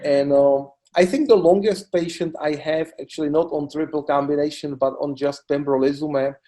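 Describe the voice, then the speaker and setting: A middle-aged man from the Republic, a cancer doctor answering interview questions in a halting way, full of "you know" fillers. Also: on the high side, steady tone, dark tone. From Czech Republic. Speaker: oncologist guest. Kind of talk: expert interview.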